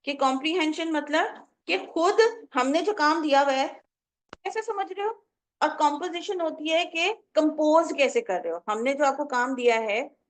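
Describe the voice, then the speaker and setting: A high-voiced college English lecturer teaches a class in a mix of Urdu and English, code-switching often and repeating points as she explains. She sounds expressive and a little slow, recorded for both in-room and online students.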